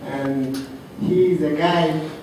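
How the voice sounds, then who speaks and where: A man from Africa giving a soft-spoken, halting tribute to his mentor, with many pauses and fillers. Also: fairly high pitch, fairly even intonation. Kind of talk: heartfelt tribute speech. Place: reception room. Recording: roomy, distant, noisy room recording.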